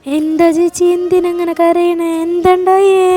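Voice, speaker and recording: A gentle young woman pleads anxiously, her voice high and strained. A woman narrator voices her. Faint music runs under the reading. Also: level tone, a little slow. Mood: concerned.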